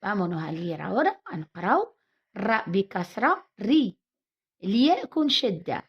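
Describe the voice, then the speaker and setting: A woman teacher with a Moroccan Arabic accent, slowly sounding out letters and words in a reading lesson and explaining in both Arabic and Spanish. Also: mid-range voice, sing-song, husky. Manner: slow, drawn-out syllable-by-syllable reading. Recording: dull lo-fi recording.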